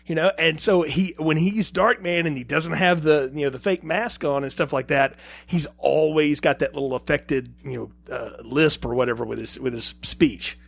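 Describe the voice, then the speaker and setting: Guy with a slightly high voice talking movies on a podcast, animated, acts out little lines, lots of restarts. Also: moderate pace, vocal fry, hardly any pauses. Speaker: podcast co-host. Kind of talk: casual film review chat.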